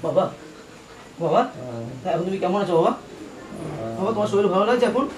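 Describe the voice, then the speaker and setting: A man acting as a guilt-stricken young son, begging his stricken father to wake up in a strikingly high, quick, repetitive plea. The voice is caught from a distance in a roomy space with noise behind it, like an amateur short film. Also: lightly acted. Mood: tearful remorse. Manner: pleading, repeats "baba" over and over. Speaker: lead actor. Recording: roomy, distant, noisy home recording.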